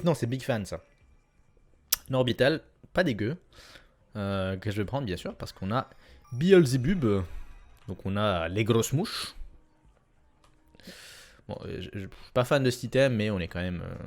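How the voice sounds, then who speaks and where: Young man, lowish pitch, casual let's-play commentary, chatty, self-correcting, excited bursts. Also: unhurried, pauses often. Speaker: gameplay commentator.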